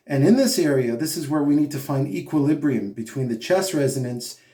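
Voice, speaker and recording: A vocal coach with a fairly high, animated, mellow voice talks fairly quickly through a singing lesson in an echoey room. He patiently explains each step and demonstrates with short hummed and sung notes.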